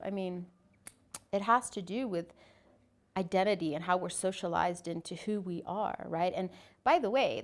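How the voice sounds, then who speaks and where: A woman guest in an interview, talking in a reflective, emphatic way and often asking rhetorical questions. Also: on the low side. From Ethiopia. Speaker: guest, media company CEO. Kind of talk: interview discussion.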